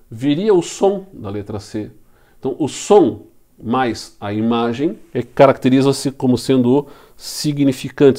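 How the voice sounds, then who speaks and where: A man with a Brazilian Portuguese accent delivers a recorded lecture at a mid-range pitch. He works through each point patiently, asks rhetorical questions and answers them himself, and comes back to the same key terms again and again. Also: a little mellow. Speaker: law lecturer.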